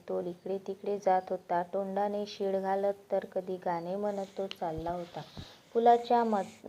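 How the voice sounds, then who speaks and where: A woman narrating a moral story with a steady, unhurried reading. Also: medium pitch. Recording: dull lo-fi recording.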